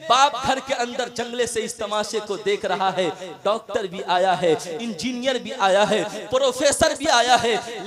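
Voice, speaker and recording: Man, preacher, fervent sermon, very high-pitched, exhorting, audience noise behind. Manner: fervent, exhorting, swings between shouting and hushed storytelling. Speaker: Islamic preacher. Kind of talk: impassioned Urdu-Hindi sermon. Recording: crowd heard behind the voice. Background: crowd noise.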